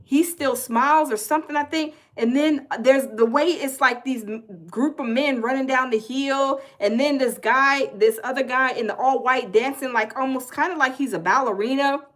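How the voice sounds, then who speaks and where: A livestream host from the American South speaks at normal speed with hardly any pauses, her high-pitched voice fairly bright and her accent Southern. Folksy and chatty, she reads viewers' comments aloud and often repeats herself.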